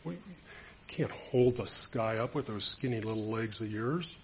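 A man's voice: fairly low pitch, unhurried, slightly rough. A man voicing an incredulous male traveler on a donkey in a told story.

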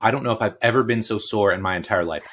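A middle-aged man with a somewhat low voice hosts a solo podcast episode. He talks in a loose, chatty, upbeat way and laughs every so often. He speaks into a podcast microphone. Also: fast, fairly bright tone, a little hiss or hum. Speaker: podcast host. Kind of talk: casual solo podcast monologue. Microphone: podcast microphone on video recording.

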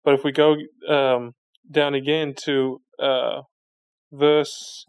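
A man's voice: medium pitch, little pitch movement, slow pace, clear, resonant tone. A man preaching a sermon, reading scripture aloud and then explaining it in plain conversational terms, stopping now and then to find the next verse. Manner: frequent restarts while searching for verses. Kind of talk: sermon Bible teaching.

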